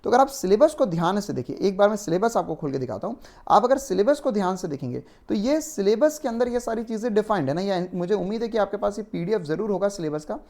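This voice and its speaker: A man's voice: sits high, expressive, fast, darkish tone. A male physics teacher giving an online exam-prep lecture in a conversational, explanatory way, often checking in with tag questions.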